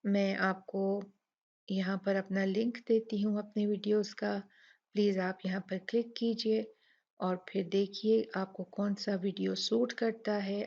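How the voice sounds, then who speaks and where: A woman teaches recitation rules at an unhurried pace, patient and methodical. She often repeats a word slowly and asks rhetorical questions. The recording sounds a little dull and lo-fi. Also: mid-range voice, vocal fry, a little mellow. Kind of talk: slow explanatory lesson with recited examples.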